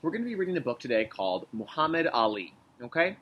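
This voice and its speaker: With a mid-range voice and a quick pace, a man teaches young children during a read-aloud, though the audio sounds dull. As their kindergarten teacher, he reads with emphatic expression and explains in clear, simple phrases, pausing for check-in questions.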